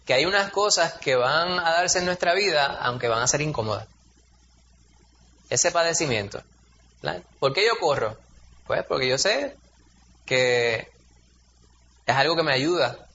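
A man's voice: a little high, sharp tone, highs cut off. A man, preaching a sermon in a conversational, storytelling way, acting out quotes in a raised voice. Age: 40s.

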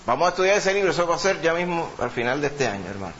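A man preaches emphatically, pressing points through repetition in a somewhat high voice. The recording is slightly dull and muffled, with a faint hum of ambience behind him. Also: sing-song, rapid-fire, fairly bright tone. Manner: emphatic, repeats words, addresses "hermano". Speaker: pastor. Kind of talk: sermon.

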